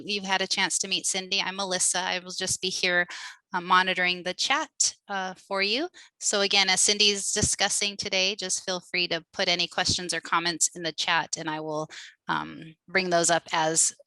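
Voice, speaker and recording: A woman moderating the chat and helping out in an online teaching session, brisk and friendly. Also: lowish voice, fairly even intonation, pushed and bright, no echo, poor audio. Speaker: chat moderator and tech support. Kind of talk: casual spoken presentation over video call. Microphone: video call.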